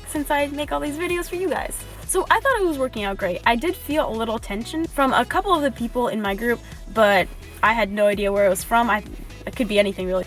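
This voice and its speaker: A young woman telling a personal story in a casual vlog, filmed close up on a camera in her parked car. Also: fairly high pitch. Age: young adult. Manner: chatty and confiding, drops to a whisper when nervous. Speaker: vlogger. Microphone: camera mounted close in car.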